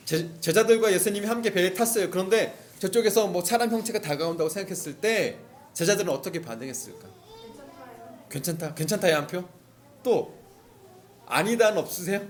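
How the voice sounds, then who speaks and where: Lively high-voiced male pastor preaching. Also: slight background noise. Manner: storytelling, asks the congregation questions; acts out cries of the characters. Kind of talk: conversational sermon.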